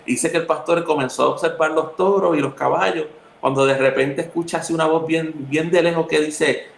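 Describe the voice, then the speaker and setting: Gravelly Puerto Rican man telling stories. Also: on the high side, fairly quick, slight background noise. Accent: Puerto Rican Spanish. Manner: lively storyteller who acts out the quoted people. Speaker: youth talk co-host. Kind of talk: casual spiritual conversation with storytelling. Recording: echoey room.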